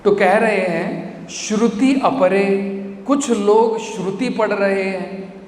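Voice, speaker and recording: A man's voice: high-pitched, takes it slowly. A man giving a devotional scripture lecture, explaining verses line by line and putting rhetorical questions to his listeners. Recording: echoey hall with faint ambience.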